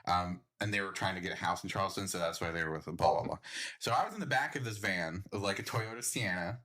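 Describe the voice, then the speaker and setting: A man's voice: low-pitched, fast, sharp tone. A young man co-hosting a podcast, telling stories in a chatty, rambling way and laughing easily. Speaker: podcast co-host. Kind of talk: casual chat.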